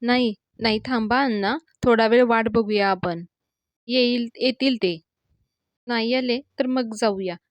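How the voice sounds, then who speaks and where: A woman's voice: fairly high pitch, unhurried, no room sound, lightly acted. A woman voicing a worried young man asking urgent questions in a retold serial scene. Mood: calm.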